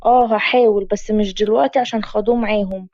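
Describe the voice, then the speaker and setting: A woman's voice: medium pitch, steady tone, fast talker, a little mellow, no room sound, lightly acted. Woman voicing a chatty Egyptian teenage girl. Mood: earnest. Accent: Egyptian Arabic. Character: kind, chatty 18-year-old village girl. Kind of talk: dramatized story reading. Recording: muffled lo-fi recording.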